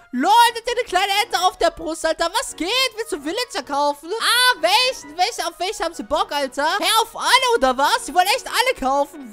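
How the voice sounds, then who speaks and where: Very high, bright-voiced excitable young woman. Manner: excitable, slangy, youthful street talk. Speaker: gaming YouTuber. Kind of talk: Let's Play commentary.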